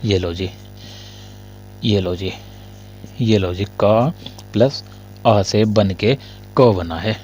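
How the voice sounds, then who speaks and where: A male Hindi grammar teacher in a casual lesson. He asks his students questions, answers them himself, and often coughs and clears his throat. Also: lowish voice, very slow, long pauses, darkish tone.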